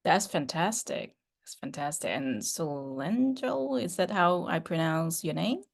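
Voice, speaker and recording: A woman's voice: on the low side, lively intonation, a little slow, creaky. A middle-aged woman professor on a video call, talking chattily with many fillers and restarts. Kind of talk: online class introduction.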